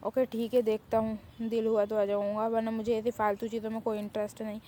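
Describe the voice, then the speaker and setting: A woman's voice: on the high side, level tone, brisk, warm tone, a little hiss or hum, natural voice. A woman voicing a stern, grumpy young man who scolds and speaks curtly. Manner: curt, scolding.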